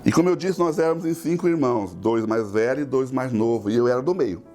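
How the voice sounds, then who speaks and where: A man's voice: mid-range voice, quick pace, warm tone, faint music behind. A middle-aged man, a pastor, giving an emotional, tearful personal testimony.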